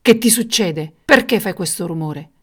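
A woman voicing a cruel, mocking male king who booms and shouts. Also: normal speed, close to an everyday voice. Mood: furious. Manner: booming, jeering, shouting.

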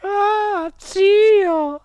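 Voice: very high-pitched, extremely slow, darkish tone, dry recording, voice pushed up, heavily acted. A reader voicing a pleading, gushing middle-aged lady calling out to a dead uncle at a séance. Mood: awed pleading.

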